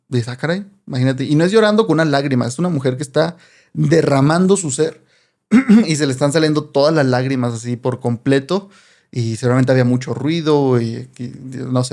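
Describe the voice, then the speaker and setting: A man with a Mexican accent explaining a Bible passage in a relaxed, conversational way, often tagging his sentences with rhetorical questions. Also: medium pitch. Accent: Mexican Spanish. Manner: chatty, asks rhetorical questions, frequent "¿no?". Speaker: Bible teacher.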